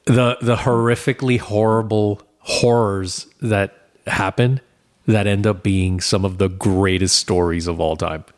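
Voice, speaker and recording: A man co-hosting a casual podcast, excitable, often repeating his words as he tells a story. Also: fairly low pitch, a little slow. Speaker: podcast co-host. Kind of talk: casual chat.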